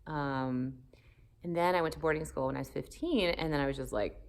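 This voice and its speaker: Low gravelly-voiced woman in her forties. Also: fairly quick. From Southern United States. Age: 40s. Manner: thoughtful, animated, laughs often, many fillers. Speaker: pastor. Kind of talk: candid personal interview. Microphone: phone camera.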